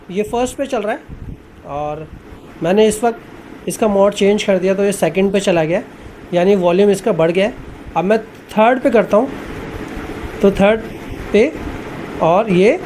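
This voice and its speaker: A man giving a casual product review vlog, explaining step by step in an unhurried way and talking straight to his viewers. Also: sits high, darkish tone, a little hiss or hum. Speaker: tech reviewer vlogger. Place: indoor room. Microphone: wireless clip mic into phone.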